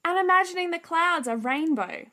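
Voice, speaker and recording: A woman's voice: very high-pitched, expressive, normal speed, bright, forceful tone. A woman presenting a scripted story show for children, with children's music behind her.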